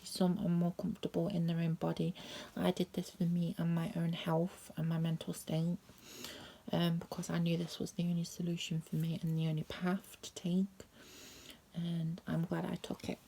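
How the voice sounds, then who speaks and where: A woman telling a personal story as a vlogger, rambling and repeating herself, often slipping into soft half-whispers. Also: lowish voice, monotone, moderate pace, creaky, slight background noise.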